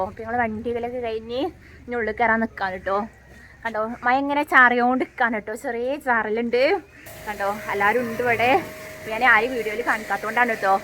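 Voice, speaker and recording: A woman's voice: on the high side, bright, forceful tone. A woman vlogger chatting casually to viewers on camera outdoors, recorded on the camera's own mic. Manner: chatty, greets viewers often. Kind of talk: casual on-camera vlog chat. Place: outdoors in a yard, light rain. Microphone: camera's own mic, no external mic. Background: water spray and light outdoor noise.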